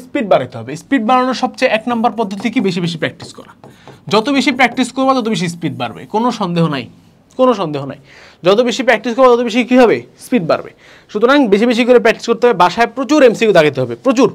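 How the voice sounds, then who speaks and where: A young man with a Bangladeshi Bengali accent teaching an exam-prep lesson, mixing in English words and checking in with rhetorical questions. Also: high voice. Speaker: admission test tutor. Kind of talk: video lesson on exam tips.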